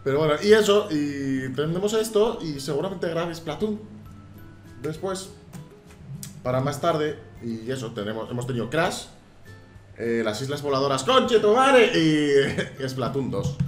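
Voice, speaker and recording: A man chats through a game in a casual let's-play style, his pitch swinging widely as he bursts into shouted exclamations. The sound is roomy, with faint game music underneath. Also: lively intonation, unhurried. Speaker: gaming YouTuber.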